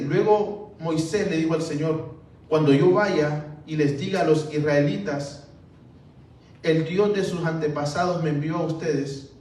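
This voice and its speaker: Man, pastor, sermon, slow deliberate delivery, strong echo, faint background noise. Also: fairly high pitch, far from the mic. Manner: preaching slowly, addressing listeners as brothers.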